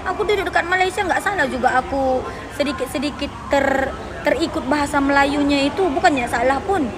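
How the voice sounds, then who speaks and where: Woman from indonesia, defiant vlog rant, high voice, crowd and traffic noise. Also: a little fast. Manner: defiant, argumentative. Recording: crowd and street noise behind.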